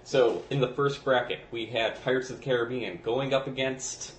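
A man's voice: medium pitch, steady tone, normal speed. A man co-hosting a podcast, chatting and explaining with lots of fillers. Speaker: podcast co-host. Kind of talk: casual chat. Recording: roomy echo with faint noise.

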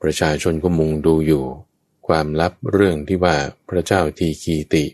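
A man's voice: sits low, steady tone, normal speed, darkish tone, no echo. A man preaching a Buddhist scripture story, addressing his listeners directly with chatty asides. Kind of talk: storytelling Dhamma talk.

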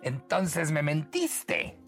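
A man's voice: on the low side, wildly swooping pitch, a little slow, soft background music, heavily acted. A man voicing a greedy, boastful bandit leader in a children's story, sneaky and full of himself. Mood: angry. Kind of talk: storybook character voice.

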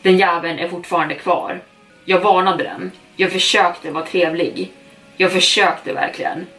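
A worn-out, anxious young woman on the edge of mania, as a woman narrator voices her. Her voice is fairly low and comes from a little way off the mic. Faint music runs beneath it. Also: fairly even intonation, a bit bright, distant mic, poor audio. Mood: tense. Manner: tense, anxious and manic. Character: frightened, worn-out young woman, turning desperate.

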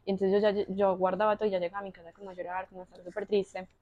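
Rapid-talking young Colombian woman. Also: medium pitch, dull audio. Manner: animated, with frequent fillers and quoted inner voices. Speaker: podcast guest. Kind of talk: casual conversational storytelling.

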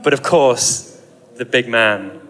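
A man's voice: mid-range voice, slow, pushed and bright, big-room sound. A man hosting a podcast, telling film history in a chatty, explanatory way with dry humor. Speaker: podcast host. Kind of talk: casual film discussion.

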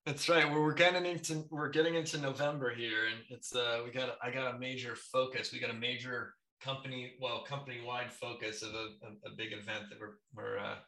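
A man talking as a guest over a video call, halting and repeating words, with his voice sounding echoey and distant from the mic. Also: medium pitch, fairly even intonation, sharp tone. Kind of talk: casual chat.

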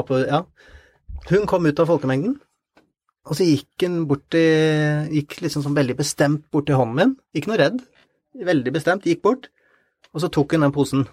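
A man telling a story in an interview, halting and repeating words with many fillers. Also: on the high side, darkish tone, dry recording, studio quality. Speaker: interview guest. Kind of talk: conversational storytelling.

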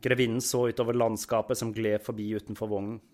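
A man giving scripted history narration in a measured storytelling manner. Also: lowish voice, little pitch movement, a little mellow. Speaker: podcast narrator.

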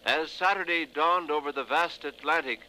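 A male radio reporter gives a formal bulletin in a crisp, bright voice, heard over a distant old AM radio broadcast. His pitch is somewhat high, and a faint hiss sits under the far-off sound. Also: moderate pace.

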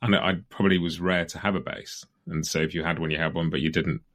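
Casting: male interview host, very low voice, relaxed thinking-aloud questions. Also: quick pace. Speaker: podcast host. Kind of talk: casual interview chat.

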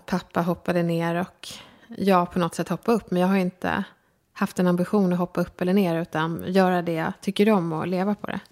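A woman from Sweden with a slight lisp who speaks far forward in her mouth, giving her Stockholm accent an upper-class ring. She talks directly and frankly, with a self-deprecating streak. Her middle-pitched voice carries a gravelly edge. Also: a little mellow. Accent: Stockholm, slightly upper-class tinge. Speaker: guest, designer and lecturer. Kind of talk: casual conversation.

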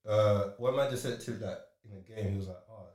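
A man's voice: lowish voice, fast, a crowd in the background. A young man with a London roadman accent chatting casually and telling stories in street slang, full of "bro" and "like". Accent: London roadman, south London street slang. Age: young adult. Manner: slangy, peppers talk with "bro" and "like". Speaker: footballer guest. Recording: roomy, echoey sound.

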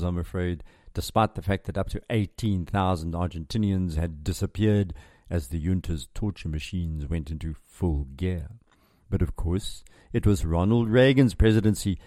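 A man's voice: deep voice, mellow, dry recording, clean studio sound. A man narrating scripted history as a storyteller, with a wry, sardonic manner. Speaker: history podcast host and narrator.

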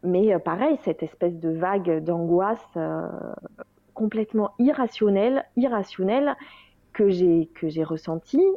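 Woman guest, 30s, halting and wry, dry and slightly muffled sound. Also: lowish voice, no echo. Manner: hesitant, many fillers, wry self-mocking humor. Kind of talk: candid interview. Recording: slightly dull dry recording.

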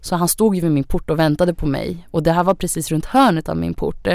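A young woman with a low, gravelly voice recounts her own story as a podcast guest. Her talk is chatty and loose, packed with fillers. The studio sound is close and dry. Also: a little mellow, dry recording. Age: young adult. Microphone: studio microphone.

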